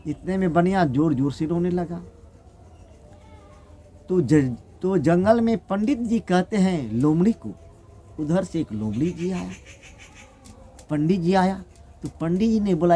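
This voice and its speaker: A man's voice: high-pitched, lively intonation, measured pace, long pauses, dark tone. A man telling a folk tale aloud in plain rustic, repetitive phrasing. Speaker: storyteller.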